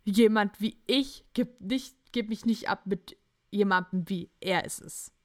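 A woman's voice: medium pitch, measured pace, no room sound, studio quality. A young woman hosting a casual podcast, animatedly retelling a chat conversation and acting out both sides. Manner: animated storytelling, quoting texts in chats. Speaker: podcast host.

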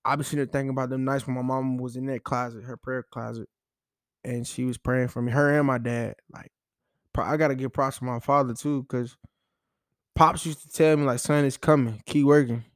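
A man's voice: mid-range voice, little pitch movement, fairly quick, no room sound, studio quality. A young man, a college football player, talking casually and with feeling in an interview, often saying "bro". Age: young adult. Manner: heartfelt, repetitive, says "bro" often.

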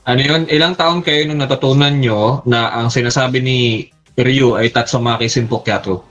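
A man's voice: mid-range voice, steady tone, moderate pace, a bit bright, muffled recording, faint music behind. A young Filipino man with a Filipino accent, co-hosting a podcast in an easygoing chat and calling his friends "pre". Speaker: podcast co-host. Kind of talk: casual chat among friends.

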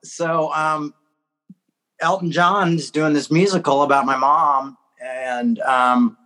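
A man's voice: fairly high pitch, flat delivery, takes it slowly, pushed and bright, poor audio. Rambling man in his forties, guest. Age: 40s. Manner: rambling, many fillers, self-deprecating laughs. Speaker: podcast guest. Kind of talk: casual interview chat.

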